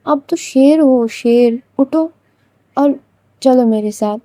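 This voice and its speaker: A woman voicing a tender young woman who softly coaxes and comforts her weeping lover. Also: high voice, steady tone, unhurried, no room sound. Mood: soothing, coaxing. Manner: soft, coaxing, gently firm.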